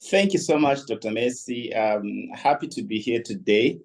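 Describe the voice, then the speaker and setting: A man's voice: medium pitch, lively intonation, normal speed, rough recording. A man speaking as a guest on a leadership panel, reflective and talking with many fillers. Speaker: guest speaker, company founder. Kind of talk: panel discussion.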